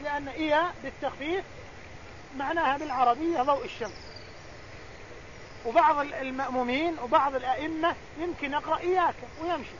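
High-voiced teacher quizzing students. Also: male voice, pushed and bright. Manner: explains and quizzes students directly. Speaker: religious teacher. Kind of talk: classroom Quran lesson. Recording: dull muffled recording with faint noise.

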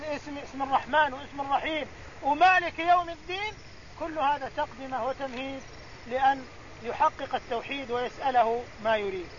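A man with a strikingly high voice leads a classroom Quran lesson. He explains readings and fires questions at his students. The recording is dull and muffled, with a faint hiss of background noise. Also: a bit bright. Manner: explains and quizzes students directly. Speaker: religious teacher.

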